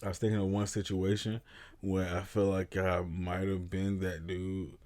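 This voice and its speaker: A man co-hosting a casual chat podcast, loud and hyped, who keeps calling the listeners "fam". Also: low-pitched, little pitch movement, moderate pace. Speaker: podcast co-host.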